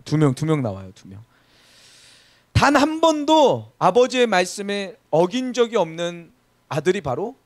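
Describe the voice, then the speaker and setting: Man pastor in his thirties, high and lively voice, dry close sound, playful sermon storyteller. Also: measured pace, no echo. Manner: engaging, asks the congregation questions, humorous storytelling. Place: church service.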